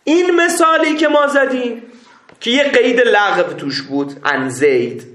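A man teaching a seminary class, reading Arabic text slowly and explaining it step by step, often checking that his students follow. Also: extremely high pitch, animated, a bit bright, echoey room. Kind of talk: classroom lecture on Islamic jurisprudence.

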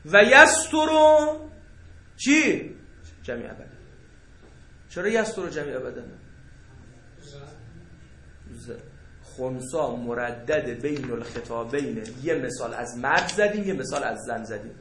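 A man's voice: mid-range voice, lively intonation, pushed and bright, a little hiss or hum. A man teaching a seminary jurisprudence class, joking and asking rhetorical questions as he explains. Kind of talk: jurisprudence lecture to students. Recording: echoey room.

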